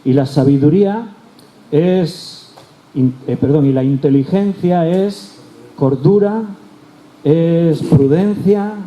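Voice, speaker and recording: A man's voice: fairly high pitch, warm tone. A male pastor, teaching a Bible study. He explains patiently and often repeats or rephrases his key words. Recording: roomy echo with faint background ambience.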